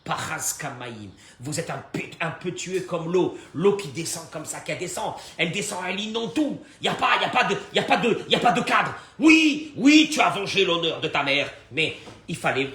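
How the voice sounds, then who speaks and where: A man teaching a Torah lesson as a rabbi, animated, swinging from hushed to loud and acting out short dialogues. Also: a little high, normal speed, hardly any pauses. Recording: echoey room with faint noise.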